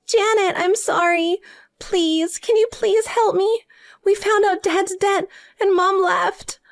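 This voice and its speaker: A woman's voice: very high voice, level tone, unhurried, fairly bright tone, pitched above the performer's own voice, exaggerated voice. A woman voicing a whiny, pleading older sister.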